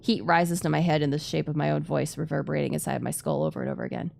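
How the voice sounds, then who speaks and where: Low-voiced, slightly creaky woman narrating. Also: little pitch movement, fast talker, a little mellow. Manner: stumbles over hard words and repeats them. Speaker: streamer reading a visual novel aloud. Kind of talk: dramatic narration of game text. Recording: music behind the voice.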